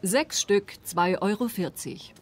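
A woman acting a friendly market seller in a scripted language-lesson dialogue, speaking slowly and clearly. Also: medium pitch. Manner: slow, even, clear delivery.

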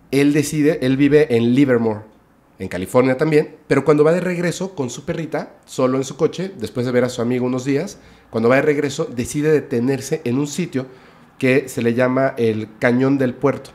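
A man, a podcast guest, telling a story in casual chat, lively, often adding "o sea" and "¿no?". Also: medium pitch. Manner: lively retelling, with "o sea" and "¿no?" tags.

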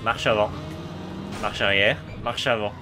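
A young man bantering casually with friends while playing video games, excitable, joking and swearing. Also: on the low side, a little slow. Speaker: video game player. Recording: game music behind the voice. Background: game music and vehicle sounds.

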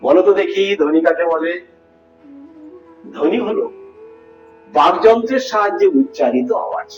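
A man's voice: high voice, animated, normal speed. A male teacher from West Bengal giving a grammar lesson, asking his students questions and explaining step by step. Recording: roomy, distant, dull sound with music behind.

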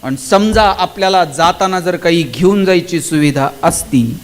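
A man's voice: high voice, measured pace, a little hiss or hum. A man giving a motivational speech to students and teachers, addressing the audience directly with rhetorical questions. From Maharashtra, India. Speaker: motivational speaker.

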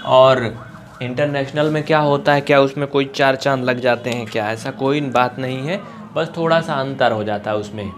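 Hindi math teacher quizzing the class. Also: male voice, mid-range voice, normal speed, a little hiss or hum. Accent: Hindi-speaking Uttar Pradesh. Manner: repeats questions to the class and answers them. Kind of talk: blackboard math lesson.

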